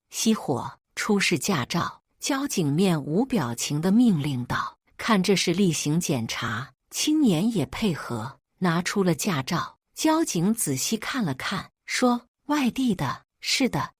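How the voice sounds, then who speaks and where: Expressive woman narrating a story. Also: lowish voice, unhurried, hardly any pauses, husky, no echo, clean studio sound.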